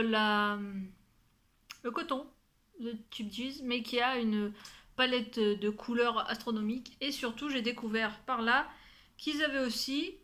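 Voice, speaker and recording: A woman's voice: a little high, pushed and bright. A young woman hosting a knitting podcast, chatting casually to camera at home with lots of fillers and restarts. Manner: chatty, many fillers and restarts, addresses listener directly.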